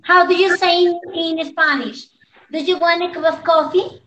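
High-voiced woman teaching English, echoey. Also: fairly even intonation, a bit bright. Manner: patient, affectionate, repeats prompts slowly. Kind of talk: teaching an online class. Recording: echoey, muffled.

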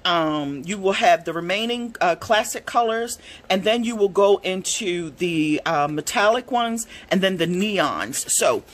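A woman's voice: medium pitch, unhurried. Gushing woman swatching art supplies. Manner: gushing, excitable, frequent gasps and squeals. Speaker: product reviewer. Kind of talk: casual product swatching.

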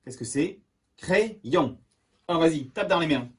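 Sing-song teacher man, slow and lively. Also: on the high side. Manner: slow, sing-song and encouraging, clapping out syllables. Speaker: schoolteacher. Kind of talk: video lesson for young children. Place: indoors at home. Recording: distant mic with steady background noise.

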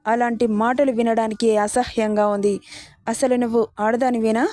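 A woman's voice: a little high, flat delivery, normal speed, mellow, no echo, clean studio sound, natural voice. Woman doing a menacing angry husband. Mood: contemptuous. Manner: threatening, harsh.

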